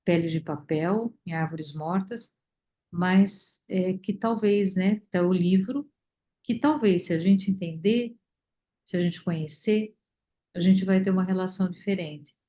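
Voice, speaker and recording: A woman leading a study group, talking reflectively with many pauses and fillers over a video call. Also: on the low side, dark tone. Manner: thoughtful, many fillers and restarts.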